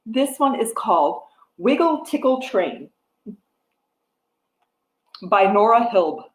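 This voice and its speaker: A woman in her forties reading a picture book aloud to toddlers in a sing-song way, pausing to ask them simple questions. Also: on the high side, big pitch swings. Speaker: children's storytime host. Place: wood-floored living room with a piano, indoors. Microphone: webcam or device mic at about arm's length. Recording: echoey room, device microphone.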